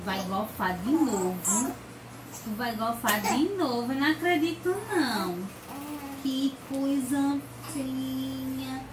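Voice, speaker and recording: A woman's voice: high-pitched, takes it slowly. A mother cooing and coaxing her baby in sing-song baby talk at home, filmed from across the bedroom. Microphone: camera held by someone else, at a distance. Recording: echoey room, far from mic, background noise.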